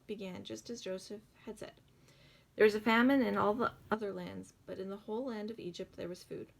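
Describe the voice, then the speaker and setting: A woman's voice: mid-range voice, creaky. A young woman reading the Bible aloud with rambling, giggly asides and stumbles on hard names. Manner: rambling, giggly asides full of likes and ums.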